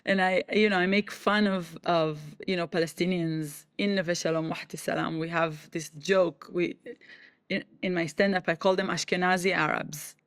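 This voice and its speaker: An Israeli woman comedian whose first language is Hebrew speaks as a guest in a conversational interview, halting often, restarting a lot, and acting out quoted voices. Her voice is lowish with fairly even intonation, recorded with a dry, close sound and no room sound.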